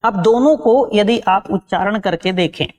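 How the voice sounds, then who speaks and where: A woman's voice: medium pitch, a little slow, darkish tone. A woman teaching an exam-prep lesson. She repeats key terms and asks her students rhetorical questions.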